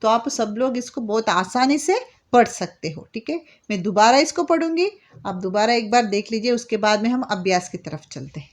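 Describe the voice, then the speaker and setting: A woman's voice: on the high side, lively intonation. A woman teacher with an Indian accent, patiently explaining a poem to young schoolchildren in simple words and repeating points often. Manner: reads poem lines slowly and sing-song. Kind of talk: classroom lesson explaining a poem to children.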